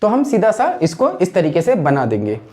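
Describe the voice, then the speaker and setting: A man teaching an English grammar lesson, who keeps asking rhetorical questions and slows right down to spell out each example sentence. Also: high voice, huge pitch swings, warm tone.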